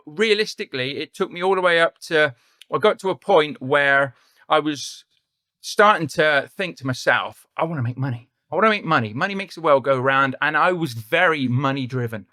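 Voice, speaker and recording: A middle-aged Englishman with a West Country accent tells his story as a podcast guest. His voice sits a bit high and bright, and he rambles and corrects himself as he goes. The sound is dry and close. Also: no room sound. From England. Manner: rambling, self-correcting, chatty. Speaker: podcast guest, property investor. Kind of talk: casual storytelling interview.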